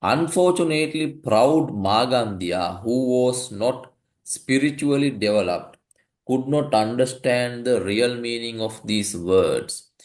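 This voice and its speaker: Male tutor from Sri Lanka, slow and patient, recorded in a reverberant room. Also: mid-range voice, animated, a little mellow. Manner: slow, explanatory, checks understanding with "right?". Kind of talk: one-on-one tutoring, reading a story aloud. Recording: echoey room.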